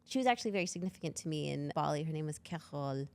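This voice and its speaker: Casting: middle-aged woman, fairly low voice, guest musician who tells vivid, animated stories in conversation. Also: racing, gravelly, no room sound. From Canada. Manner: animated storyteller, acts out quoted people. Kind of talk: reflective interview conversation.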